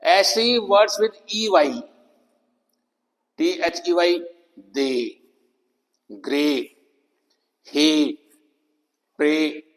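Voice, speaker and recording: A male English teacher with a Hindi accent, speaking very slowly and spelling out letters as he drills example words. His voice sits a little high for a man. The sound rings with a long reverb, as if he is recording in a large, hard room. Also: fairly bright tone. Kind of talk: classroom-style pronunciation lesson.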